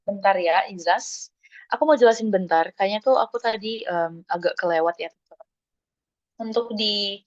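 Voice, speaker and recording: A woman's voice: medium pitch, highs cut off. A woman teaching a German lesson in an online class, calling on students by name and encouraging them.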